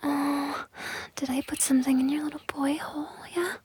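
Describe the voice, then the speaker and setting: Her high voice is delivered flatly, in a breathy whisper for an intimate audio roleplay. She takes it slow, coaxing and possessive, with lots of soft repetition.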